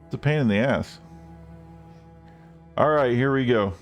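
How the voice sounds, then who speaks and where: A man chatting casually on a game live stream, rambling and swearing freely, with excited outbursts. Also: medium pitch, unhurried, soft background music.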